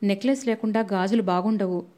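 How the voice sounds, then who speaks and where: A woman's voice: mid-range voice, fairly even intonation, fairly quick, close to an everyday voice. A woman voicing a timid, faltering young wife. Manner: soft, hesitant, faltering.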